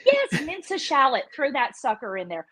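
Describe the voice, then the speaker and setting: A woman's voice: high voice, huge pitch swings, moderate pace, crowd noise, poor audio. Chatty woman chef on a video call. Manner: chatty, playful, upbeat instruction. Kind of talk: live virtual cooking class.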